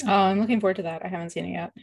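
A woman co-hosting a casual podcast, talking in a wry, animated way about what she watches. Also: fairly low pitch, rapid-fire, gravelly. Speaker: podcast co-host. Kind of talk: casual book-club chat.

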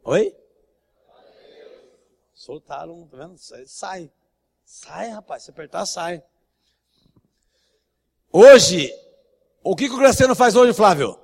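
Man, Brazilian Portuguese accent, pastor, sermon, blunt, emphatic, high voice, long hall reverb. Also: lively intonation, takes it slowly, creaky, long pauses, slightly rough. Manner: emphatic, repeats phrases, blunt storyteller. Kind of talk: sermon with anecdotes.

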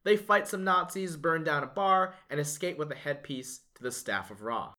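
A man's voice: a little high, lively intonation, normal speed, pushed and bright. A man co-hosting a casual legal podcast, recapping a movie plot with enthusiastic build-up. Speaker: podcast co-host, lawyer.

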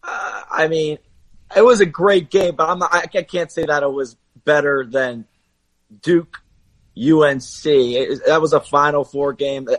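A man's voice: fairly high pitch, a little slow, no echo, rough recording. Young man, intern, earnest, defensive, casual sports talk.

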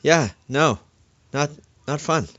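A man's voice: fairly high pitch, slow, fairly bright tone, no room sound. Rambling male podcast co-host, dull sound. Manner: rambling, lots of fillers and restarts. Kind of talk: casual chat. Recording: dull, slightly lo-fi dry recording.

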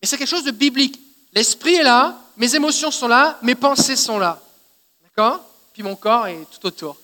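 Québécois male pastor, high and ringing, chatty sermon delivery, long hall reverb. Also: expressive, normal speed, sharp tone. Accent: Québécois French. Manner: conversational teaching, often checking in with "d'accord?".

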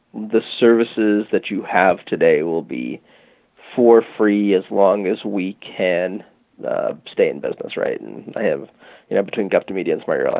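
Over a phone line with no echo, a man with a low, gravelly voice speaks as a guest in a conversational interview. He founded a music marketing tech company and explains the product in a relaxed manner, often saying "you know" and "um."

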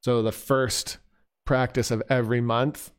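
A man's voice: medium pitch, flat delivery, unhurried, clear, resonant tone. A man giving a casual spoken critique of a bagpipe performance as an instructor. He is conversational and digressive, thinking aloud as he goes.

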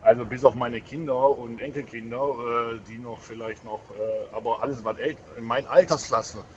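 A man's voice: medium pitch, fairly even intonation, normal speed, a little hiss or hum. Hesitant man in his forties, dull sound. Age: 40s. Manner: rambling, emotional storytelling with many hesitations. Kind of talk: casual chat.

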